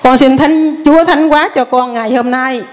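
A woman's voice: high-pitched, steady tone, normal speed. An older woman giving a rambling, earnest spoken testimony to a priest.

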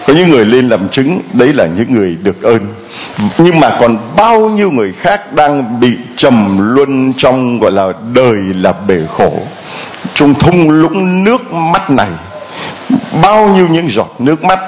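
Vietnamese priest preaching, rhetorical questions. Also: male voice, medium pitch, sing-song, unhurried, darkish tone, slight background noise, poor audio. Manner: rhetorical questions answered aloud, quoting parishioners' pleas. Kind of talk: Gospel reading and homily.

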